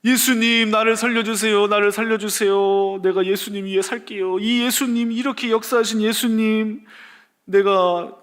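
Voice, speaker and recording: A man's voice: sits high, steady tone, moderate pace, a bit bright, clear, resonant tone, voice pushed up. A man acting out a desperate young man who pleads fervently to be saved. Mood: pleading.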